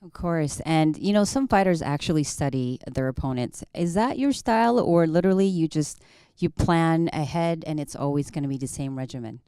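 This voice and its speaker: Female sports interviewer. Deep, warm, smooth voice, asking prepared questions on a dry, close recording. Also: lively intonation, moderate pace, no room sound.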